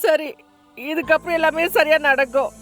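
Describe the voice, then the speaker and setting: Casting: woman playing guilt-ridden mum, very high voice, soft music behind. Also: moderate pace, close to an everyday voice. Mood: remorseful. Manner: tearful, fierce. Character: guilt-ridden middle-aged mother. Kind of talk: film acting.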